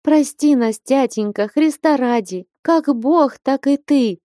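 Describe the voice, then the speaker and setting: A woman's voice: high-pitched, slow pace, dark tone, no echo, clean studio sound, voice pushed up. A woman voicing a young peasant daughter who begs tearfully in a storybook reading. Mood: pleading. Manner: tearful pleading.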